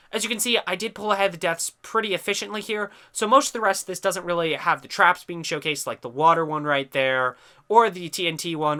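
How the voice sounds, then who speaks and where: A man's voice: a little high, sharp tone. A young man with a stuffy, congested voice giving chatty, explanatory commentary over gameplay footage. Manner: chatty, explanatory, trails off with "I don't know". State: stuffy from a sinus infection. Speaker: gaming commentator. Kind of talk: recorded game commentary.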